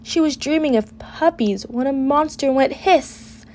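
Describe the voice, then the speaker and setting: A woman reading a children's picture book aloud with an expressive, deliberate delivery. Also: sits high. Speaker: storybook reader.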